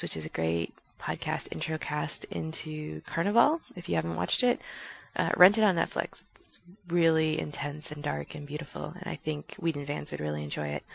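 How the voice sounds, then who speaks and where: A woman with a low, gravelly voice hosts a podcast over a headset, rambling casually and chatting in a self-deprecating way. She laughs at her own slips, and the audio sounds dull.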